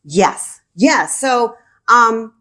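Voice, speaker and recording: A woman's voice: fairly high pitch, expressive, extremely slow, sharp tone. A woman from El Paso, Texas, talking as a guest on a business podcast, enthusiastic and emphatic, often repeating her key words. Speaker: podcast guest, regional director. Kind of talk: conversational podcast interview.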